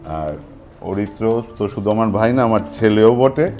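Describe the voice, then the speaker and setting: A man hosting a lucky draw event, presenting in a semi-scripted way with halting, deliberate phrasing and frequent pauses. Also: lowish voice, expressive. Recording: music playing behind the voice. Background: music.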